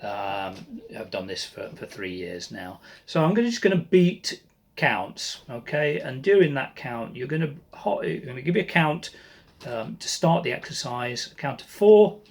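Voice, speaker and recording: A man leading a choir breathing warm-up, counting slowly and calmly with friendly asides to his singers. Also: medium pitch, gravelly. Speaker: choir leader. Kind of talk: breathing exercise lesson.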